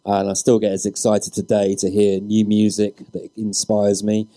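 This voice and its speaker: A man's voice: lowish voice, completely flat delivery, normal speed, warm tone, dry recording. A man speaking as a DJ on a live panel, earnest and opinionated. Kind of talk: panel discussion.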